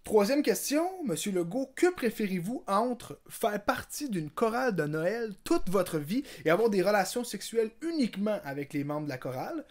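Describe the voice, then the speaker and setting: A man, a comedian, asking mock-formal interview questions in a scripted comedy sketch, deadpan, with a Quebec French accent. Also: high-pitched, normal speed, hardly any pauses.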